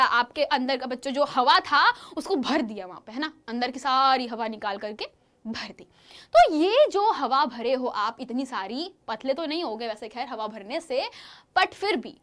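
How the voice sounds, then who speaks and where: A woman teaching a science lesson to schoolchildren, with a lively, questioning manner, often asking the class to answer. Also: high-pitched, normal speed. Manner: lively, questioning, addresses pupils as children.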